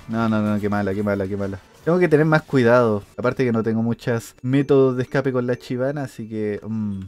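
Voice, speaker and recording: A man commentating his own gameplay, animated and prone to sudden excited shouts and mouth sound effects. His voice sits at an ordinary pitch, with faint game music underneath. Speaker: gaming streamer.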